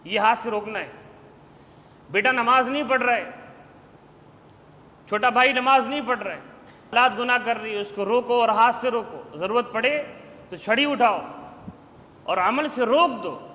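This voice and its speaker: A man preaching a sermon with forceful exhortation, now and then reciting verses in Arabic. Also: very high-pitched, pauses often. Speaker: maulana preacher. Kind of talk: Urdu sermon. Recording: hall reverb with faint background noise.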